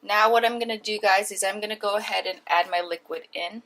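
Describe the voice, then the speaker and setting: A woman's voice: mid-range voice, steady tone, fairly quick, fairly bright tone, a little hiss or hum. A woman hosting a cooking video, talking to viewers in a chatty, informal, step-by-step way. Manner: chatty, informal, addresses viewers as guys and friends. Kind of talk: casual cooking demonstration to camera.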